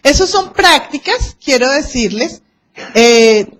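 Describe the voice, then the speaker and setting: She talks slowly in a high voice while lecturing on arbitration. This Colombian woman stays lively throughout, playing out quoted exchanges and anecdotes for the class.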